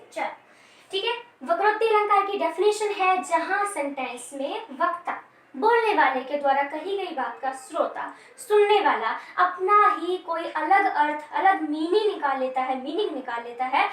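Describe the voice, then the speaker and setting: High-voiced woman teaching grammar from afar. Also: lively intonation, a little slow, fairly bright tone. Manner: repeats phrases, many fillers and check-ins. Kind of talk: explaining to video viewers. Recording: echoey room, from a distance.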